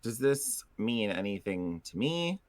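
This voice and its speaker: A man's voice: fairly low pitch, very animated, unhurried, no room sound, studio quality. A man playing a tabletop game, laying out a plan in urgent, scheming speech. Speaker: player. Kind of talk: in-character planning in a tabletop game.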